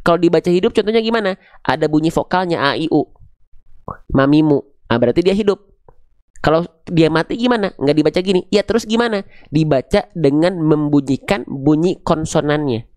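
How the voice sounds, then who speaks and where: A man's voice: a little high, expressive, fairly quick, darkish tone, dry recording, clean studio sound. A man teaching letters and tajwid. He asks questions and answers them himself in a coaxing, playful way. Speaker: Quran reading teacher. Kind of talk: lively tajwid lesson.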